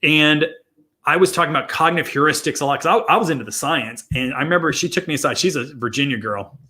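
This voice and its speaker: A man's voice: a little high, quick pace, sharp tone. Man explaining with a raised voice. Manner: explanatory, repeats and restarts phrases. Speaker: co-host, marketing consultant. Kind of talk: casual podcast chat.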